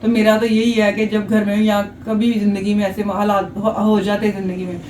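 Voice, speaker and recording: A woman on a family vlog who talks quickly and earnestly as she gives life advice. Her voice is mid-pitched. It sounds roomy and a little distant, with faint noise behind. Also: flat delivery, a little mellow. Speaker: family vlogger. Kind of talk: casual family chat. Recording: roomy, distant home recording.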